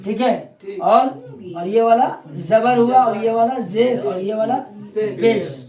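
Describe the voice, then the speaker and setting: A man's voice: very high-pitched, slow pace, dull audio, a crowd in the background. A male teacher giving a classroom grammar lesson, repeating terms and quizzing his students. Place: classroom with a board. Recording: echoey classroom.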